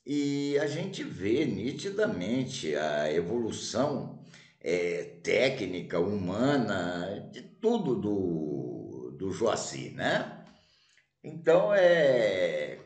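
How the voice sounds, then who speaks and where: A man's voice: deep voice, a little mellow. A man hosting a checkers channel, talking casually and tagging almost every phrase with "né?". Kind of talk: casual commentary and storytelling. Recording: roomy echo.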